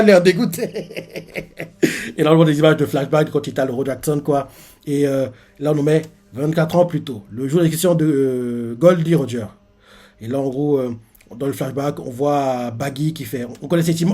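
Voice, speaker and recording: A man's voice: fairly high pitch, steady tone, moderate pace, dark tone. A man recapping and reacting to a manga chapter in a rambling, casual way. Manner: rambling, full of fillers like "en gros" and "quoi".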